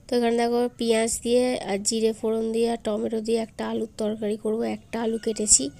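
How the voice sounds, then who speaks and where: Young mom vlogging at home sick with fever, sweet coaxing baby talk then chatty, kinda high voice. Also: female voice, completely flat delivery, fast, creaky, dark tone. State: unwell with fever. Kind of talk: casual home vlog. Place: home, bedroom and kitchen.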